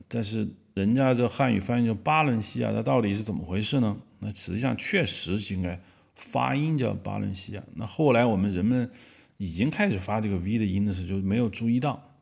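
A man's voice: on the low side, vocal fry, darkish tone, breathy edge. A male podcast host explaining word origins in a casual, rambling monologue, with many fillers and restarts.

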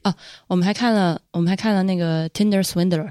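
A woman's voice: on the low side, steady tone, fast, dark tone, no room sound, studio quality. A woman co-hosting a podcast, chatting casually and opinionated, laughing easily. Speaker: podcast co-host. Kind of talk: casual chat.

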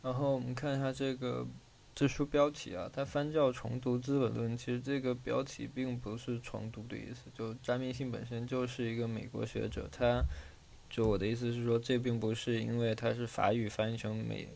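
Gravelly man with a sore throat. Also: mid-range voice, little pitch movement, brisk, darkish tone. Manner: loose, conversational explaining. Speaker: reading class host. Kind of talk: casual spoken lecture.

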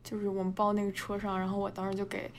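A woman's voice: medium pitch, monotone, fast, slight background noise. Laughing young woman telling a story. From China. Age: 20s. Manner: laughs often, heavy filler words, mixes in English words. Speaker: podcast co-host. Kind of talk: casual storytelling chat.

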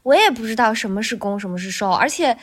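Appearing as a podcast guest, a voice actor talks casually and quickly in a fairly high, thin, bright voice. She's lively and animated as she explains things.

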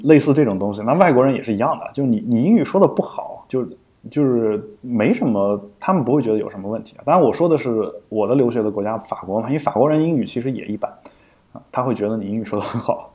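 A man's voice: mid-range voice, animated, very fast, warm tone. A man co-hosting a podcast in casual explanatory chat, thinking aloud with frequent fillers and restarts. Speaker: podcast co-host.

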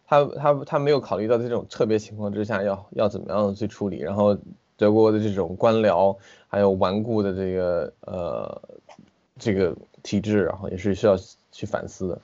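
A man with a fairly low voice talks over a muffled, lo-fi internet call. He tells his story in a lively, unscripted way, stumbling and restarting phrases as he goes. He sounds like a guest chatting with a podcast host. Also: moderate pace. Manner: animated, with frequent restarts and hesitations. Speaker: guest film director. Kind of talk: casual conversation over a video call. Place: at home in the city.

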